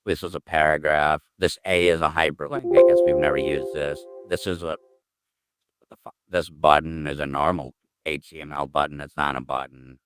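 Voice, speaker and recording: A man's voice: rumbling low, steady tone, normal speed, a bit bright, smooth. A man thinking aloud as he works through code, muttering, humming and trailing off as he goes. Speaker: programmer streaming his coding work. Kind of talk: casual think-aloud coding session.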